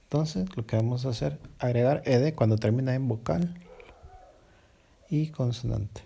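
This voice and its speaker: Slow gravelly guy teaching english grammar, dark husky voice, keeps repeating and correcting himself. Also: medium pitch. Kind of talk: recorded classroom lesson.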